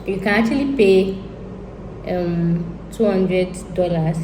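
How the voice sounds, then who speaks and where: A Nigerian woman YouTuber speaks to viewers in a casual monologue, her voice on the low side with a steady tone and slow pace, thinking aloud and rambling. The sound is slightly roomy and echoey, with faint hiss and ambient noise.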